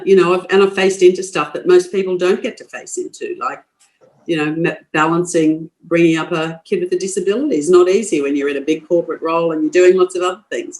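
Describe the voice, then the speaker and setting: This podcast guest, an older Queensland woman with an Australian accent, is frank and forthright, quick to laugh and prone to restarts. Her voice is lowish and a little mellow, and the audio quality is poor.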